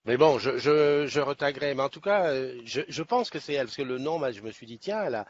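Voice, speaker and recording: A man's voice: mid-range voice, expressive, fast talker. A man from Nice hosting a casual livestream, chatting in a rambling way with many restarts. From Nice, France. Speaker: livestream host. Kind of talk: casual live chat. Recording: slightly dull sound, faint background noise.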